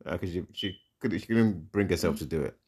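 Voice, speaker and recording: A man in a casual podcast chat, retelling a film plot. His voice is very low. He rambles and acts out the scenes as he goes. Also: brisk, a little mellow, slightly rough. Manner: rambling, dramatizing, laughs often.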